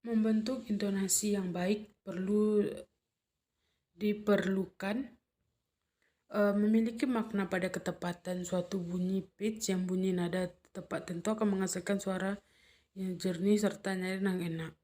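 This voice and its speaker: A woman's voice: mid-range voice, measured pace. Woman explaining a lesson step by step. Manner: steady, methodical, with occasional slips and restarts. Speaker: teacher presenting a lesson. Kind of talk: explanatory lesson, partly read.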